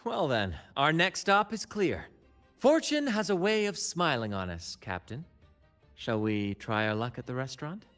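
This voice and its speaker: In a video game, an actor plays a charming, bold, swashbuckling theatrical male performer, delivering lines in a flamboyant, grandiose way over game music. His medium-pitched voice is very animated, unhurried and fairly bright, with no room sound.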